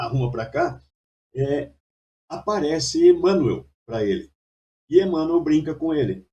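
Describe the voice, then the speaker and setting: A man's voice: medium pitch, mellow, recorded from a distance, highs cut off. A man telling anecdotes as a talk show guest, hesitating and repeating words. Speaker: guest storyteller.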